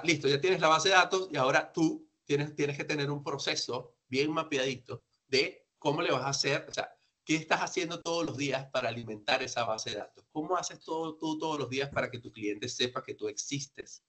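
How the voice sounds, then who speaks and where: This sales trainer, a man who grew up outside Peru and now lives there, has a medium-pitched, bright voice with a forceful tone. His presentation is informal and instructive, emphatic and chatty, and he frequently asks his own questions and then answers them.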